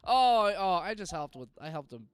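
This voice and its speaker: A man's voice: sits high, sing-song, moderate pace, clear, resonant tone, no echo. A man co-hosting a podcast in casual chat, laid-back and rambling. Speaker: podcast co-host.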